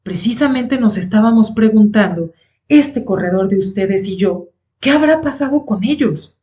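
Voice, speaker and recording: A woman's voice: medium pitch, expressive, moderate pace, warm tone, natural voice. A woman doing a worried male stranger. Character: worried adult male stranger from another village. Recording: roomy echoey recording.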